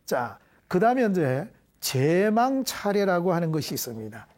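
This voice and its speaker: A middle-aged man leading a Buddhist prayer and explaining scripture terms to a class in a deliberate, measured way. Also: high voice, very animated, a little mellow. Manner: deliberate, measured, leads call-and-response repetition. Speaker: Buddhist dharma teacher. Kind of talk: devotional prayer and explanatory dharma lecture.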